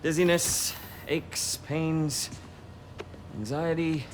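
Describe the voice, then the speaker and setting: A man playing a reserved, courteous, uneasy middle-aged doctor and scientist in a video game, with a formal, measured manner. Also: fairly high pitch, a little hiss or hum. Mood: clinical, regretful. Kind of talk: video game character dialogue.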